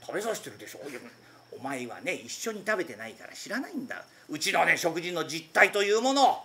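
A rakugo storyteller voicing an idle, cheeky young master who lodges with a tradesman, telling stories in a lively, playful way. The show is staged in a former public bathhouse. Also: mid-range voice, slight background noise. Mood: grumbling. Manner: lively, quick, playful comic delivery. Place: former public bathhouse used as an event venue.

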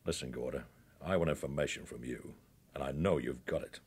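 In a radio crime drama, a male actor voices a menacing, sardonic British secret service interrogator, speaking in a measured, insinuating manner. His voice is a husky bass.

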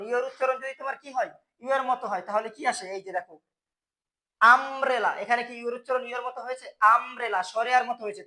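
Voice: mid-range voice, sharp tone. Bangla tutor quizzing his class. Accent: Bangladeshi Bengali. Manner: asks the class questions and answers them himself. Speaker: teacher. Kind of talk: grammar lesson for school students.

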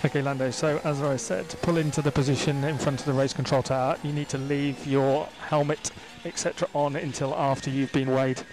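A man's voice: medium pitch, fairly even intonation, fairly quick, hardly any pauses. A man giving polite, procedural instructions as a race engineer over race car team radio. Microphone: headset radio mic. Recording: team radio with clear vehicle noise.

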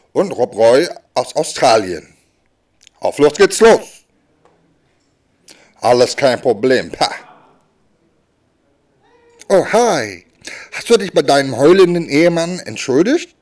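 A man works as a sign language voice interpreter, voicing stand-up comedy with lively delivery that swings between loud and soft. His voice is fairly high, and he is recorded from a distance.

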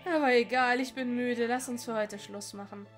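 A woman's voice: a little high, steady tone, moderate pace, faint music behind. A woman giving casual, enthusiastic let's-play commentary while she finishes a game, gushing and chatty. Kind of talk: casual commentary over gameplay.

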